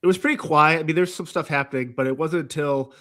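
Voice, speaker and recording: A man's voice: fairly high pitch, fast, bright, forceful tone. A man from Massachusetts, a podcast guest, chatting with upbeat enthusiasm over a video call. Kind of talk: casual chat.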